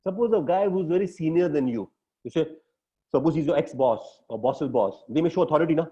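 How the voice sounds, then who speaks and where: Man, Indian English accent, coaching talk, emphatic, tag questions, mellow tone, lo-fi sound. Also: on the high side, animated, a little fast. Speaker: business coach. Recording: dull lo-fi recording.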